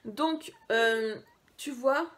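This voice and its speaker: High-voiced chatty woman vlogger. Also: drawn-out words. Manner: chatty, hesitant, drops into quiet asides. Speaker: beauty vlogger. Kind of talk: casual makeup haul video.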